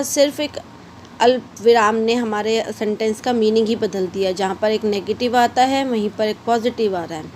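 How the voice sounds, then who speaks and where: A woman's voice: a little high, a little mellow, a little hiss or hum. A woman teaching a shorthand lesson in a casual way, explaining patiently and repeating her examples. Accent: Hindi-English mixed.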